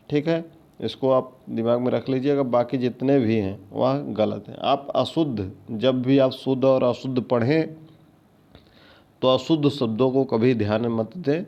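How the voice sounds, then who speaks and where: Slow gravelly guy teaching a test-prep lesson, says each word over and over, muffled lo-fi recording. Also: medium pitch. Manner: repeats each answer word several times; keeps checking in with a rising "ठीक है". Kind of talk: exam-prep lecture. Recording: dull lo-fi lecture recording.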